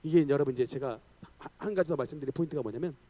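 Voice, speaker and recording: A male pastor preaching a sermon, telling a story with energy and bursting into loud declarations. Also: on the high side, racing. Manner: animated storytelling, shouting declarations. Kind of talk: revival sermon.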